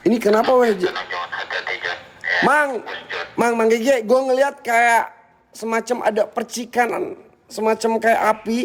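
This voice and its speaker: Man, ghost-hunt stream host, high voice, loud challenges to spirits and hushed muttered prayers, long echoing reverb. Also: flat delivery, a little slow, pauses often. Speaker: paranormal livestream host. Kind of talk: live ghost-hunting stream. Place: hotel, indoors and out by a pool.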